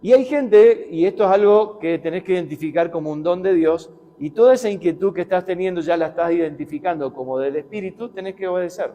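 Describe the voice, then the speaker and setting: A man's voice: high-pitched, fast talker, few pauses, dark tone. A man preaching a sermon with a Rioplatense accent, talking conversationally with rhetorical questions and anecdotes. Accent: Rioplatense Spanish. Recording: long hall reverb.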